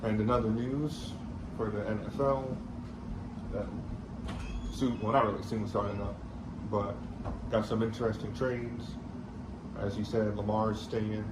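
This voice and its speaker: A man's voice: on the low side, steady tone, a little slow, pauses often. A man in a casual sports chat, giving loose, rambling, noncommittal commentary. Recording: roomy echo with clear background noise.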